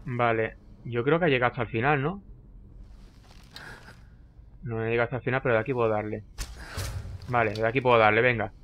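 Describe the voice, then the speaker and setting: A man giving live commentary on his own gameplay, excitable and repeating short phrases under pressure. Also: mid-range voice, a little fast, long pauses, dull audio, slight background noise.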